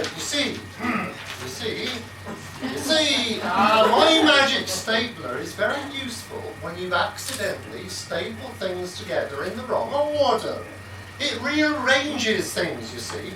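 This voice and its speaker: A man's voice: very high voice, sing-song, unhurried, full character voice. A man playing a fussy, muddled, mildly pompous pantomime king with hesitant, repetitive delivery. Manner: hesitant, repetitive, throat-clearing. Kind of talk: broad amateur pantomime stage acting. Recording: echoey noisy stage from far off.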